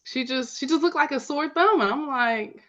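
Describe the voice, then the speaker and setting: A woman guest on a podcast telling a story in a lively way, often laughing. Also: high-pitched, moderate pace. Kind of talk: casual storytelling. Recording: dull, lo-fi sound.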